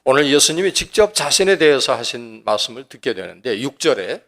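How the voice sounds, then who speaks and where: A man's voice: mid-range voice, big pitch swings, fairly quick, fairly bright tone. A pastor preaching a sermon in a folksy, joking, conversational way, often restarting his sentences. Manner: folksy and joking, acting out dialect quotes.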